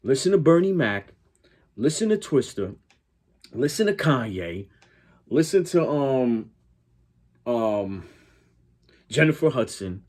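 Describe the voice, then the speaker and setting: Slow and often pausing, this medium-pitched, darkish male voice swings widely in pitch. The speaker is a YouTube reaction host from Connecticut, United States, with a southwestern Connecticut accent akin to New York's, giving casual, opinionated commentary that rambles as he stammers through corrections.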